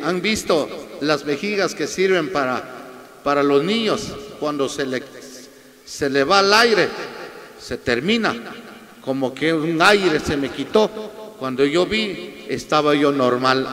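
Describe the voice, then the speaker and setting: A man's voice: a little high, fairly bright tone. A man, a pastor, preaching a testimonial sermon with fervor, repeatedly addressing the congregation and calling out questions to them. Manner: fervent, repeats "amados hermanos" often. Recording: long reverb of a hall.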